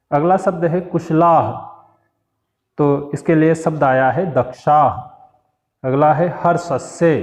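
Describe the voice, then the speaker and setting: A man's voice: on the high side, darkish tone, big-room sound, muffled recording. A male teacher giving a recorded class lesson. He reads each word aloud, then explains it plainly.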